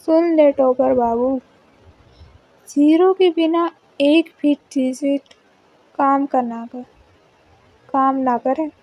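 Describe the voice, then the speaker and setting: Riya, a sassy Haryanvi college girl voiced by a woman, teasing in slow, stretched-out lines with a high, mellow tone. It is a storybook reading, and the speech stays unhurried and playful. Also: low-quality recording.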